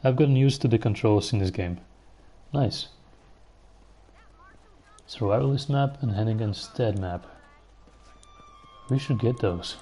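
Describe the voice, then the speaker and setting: A man's voice: lowish voice, unhurried, pauses often. A man streaming a video game live, chatting casually and thinking aloud as he plays and answers viewers. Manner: relaxed, musing aloud while playing, answering chat. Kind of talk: casual gameplay commentary.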